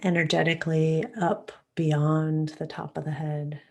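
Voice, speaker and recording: Her low voice guides a meditation softly and soothingly. She stays calm and unhurried, pausing for a long while and breathing at the end of her phrases.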